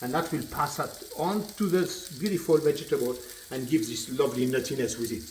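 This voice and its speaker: A man with a French accent, a chef giving a cooking demonstration in a kitchen, chatty and relaxed, often repeating words as he explains. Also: mid-range voice, a little fast, a little hiss or hum. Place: kitchen at the stove. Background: sizzling frying pan.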